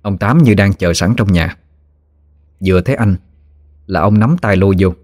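A man with a Southern Vietnamese accent narrating a scripted horror story in a steady, measured way. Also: sits low, no room sound, clean studio sound.

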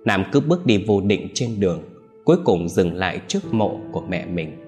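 A man's voice: low-pitched, big pitch swings, moderate pace, darkish tone. A man narrating a story in a solemn, scripted storytelling manner. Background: faint music.

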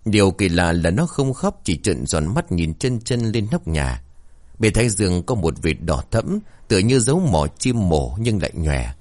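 A man narrates a spooky folk tale, building suspense. His voice is very deep yet moves a lot in pitch. The recording is dry and close. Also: sing-song, moderate pace, darkish tone, no echo. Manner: dramatic, suspenseful. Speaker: storyteller. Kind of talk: scripted horror story narration.

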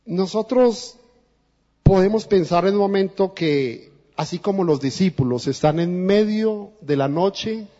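A Colombian man preaches a sermon in an earnest, conversational way, talking straight to the congregation. His voice sits fairly high and mellow, and he speaks slowly. The dull, lo-fi recording carries a long church echo. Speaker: guest preacher.

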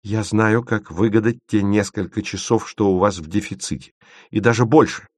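A determined young woman who presses her case and slips into cold official phrasing, read by a man. The voice sits low, and the recording is close and dry. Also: fairly even intonation, moderate pace, no echo, close to an everyday voice. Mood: insistent. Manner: insistent, turning cool and formal. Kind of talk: audiobook reading.

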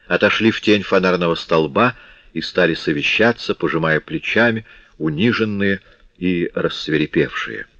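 A man with a very deep voice reads a classic novel aloud in a measured, dramatic way. The sound is dry and close, with a dull, lo-fi tone. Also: a bit bright, no room sound. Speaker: audiobook narrator. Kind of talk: scripted audiobook narration. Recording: dull dry lo-fi audiobook recording.

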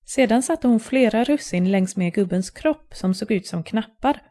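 A woman narrating a fairy tale aloud in a calm, clear storytelling manner. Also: mid-range voice.

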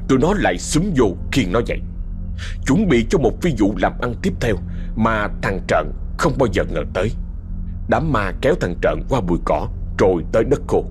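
A man telling a ghost story in a dramatic way. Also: on the low side.

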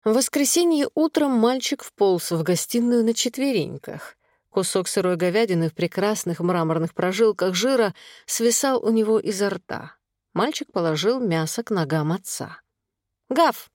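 A woman of medium pitch narrates an audiobook from a script in an even, measured reading. The sound is studio quality with no echo.

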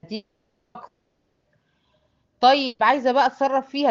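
Egyptian lady teacher going over tajweed rules quick, keeps asking if u got it, kinda dull lo-fi sound. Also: on the high side. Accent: Egyptian Arabic. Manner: explains patiently, asks students if they follow. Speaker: Quran recitation teacher. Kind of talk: online tajweed lesson.

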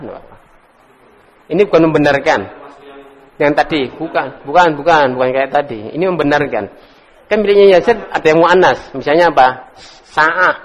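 A man leads a classroom lesson, his voice sitting a little high. He quizzes students, sounds out words slowly and corrects them with light teasing. The recording rings with the long echo of a hall. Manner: drills pronunciation slowly, corrects and teases students. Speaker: Arabic teacher.

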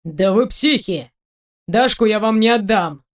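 A woman's voice: medium pitch, lively intonation, unhurried, close to an everyday voice. A woman reading an audiobook, voicing a stubborn young man who answers with sarcasm and defiance. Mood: defiant.

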